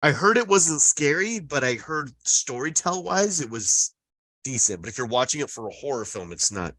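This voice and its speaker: A man's voice: mid-range voice, very animated, moderate pace, bright, forceful tone. A man co-hosting a podcast, giving blunt, enthusiastic opinions. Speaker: podcast co-host. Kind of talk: casual chat.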